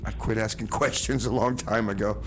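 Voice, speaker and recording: Hosting a community radio music show, this man talks at a moderate pace in a lowish voice with fairly even intonation. His casual chat rambles and repeats itself, peppered with comic banter and an easy "man." Background noise and ambience are noticeable.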